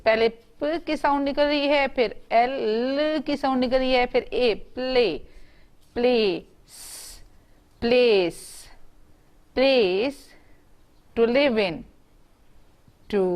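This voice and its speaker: A woman with a slightly high voice teaches young students in an online class. She talks, spells words out letter by letter, and asks the class questions.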